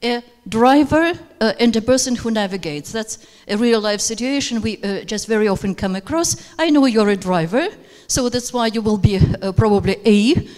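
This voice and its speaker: In a seminar room, a woman trains teachers through a workshop lecture, speaking hesitantly and using many fillers despite barely pausing. Russian is her native language. Her pitch is fairly high, her tone darkish, her pace moderate, and her handheld mic captures a reverberant hall sound.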